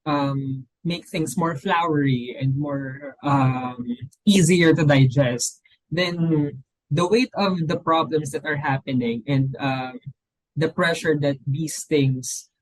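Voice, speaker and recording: A man's voice: fairly high pitch, slow, no room sound, poor audio. Filipino man, thoughtful and dry. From Philippines. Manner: thoughtful, hesitant with many ums. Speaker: guest author. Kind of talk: casual interview talk.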